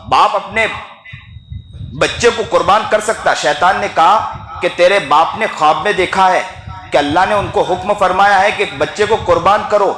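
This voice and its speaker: A high-pitched, bright-toned male preacher delivers an impassioned sermon, swelling into shouts as he acts out pleading parents and children. His voice rings around an echoey mosque hall. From India.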